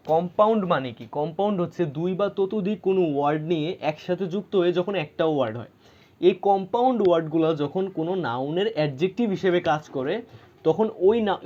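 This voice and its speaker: Male grammar tutor, slightly high voice, patient explainer; lo-fi recording. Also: darkish tone. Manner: explains patiently, checks in with rhetorical questions. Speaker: English grammar teacher. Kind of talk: explaining grammar lesson to students.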